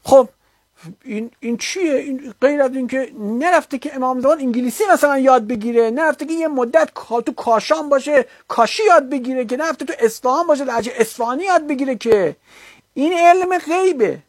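A man's voice: extremely high pitch, no echo. Dry-sounding man giving an argumentative religious lecture. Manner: argumentative, rising to heated rebuttal.

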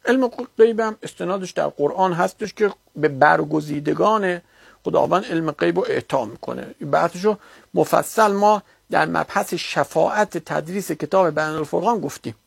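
A man's voice: fairly high pitch, gravelly, breathy edge, no echo. A man giving a religious lecture, arguing his case and rebutting an opponent with mounting insistence. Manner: argumentative, rising to heated rebuttal.

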